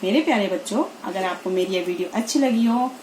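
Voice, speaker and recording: A woman teaching a phonics lesson to young children. She slowly spells each word out letter by letter and then gives its meaning. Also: mid-range voice, a little mellow. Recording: echoey room with faint noise.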